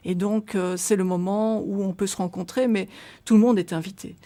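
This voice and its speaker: A middle-aged Belgian woman volunteers for an association and appears as a guest on a radio interview. Her voice is warm and medium-pitched, with fairly even intonation and a normal pace. She explains at length, with many hesitations and restarts.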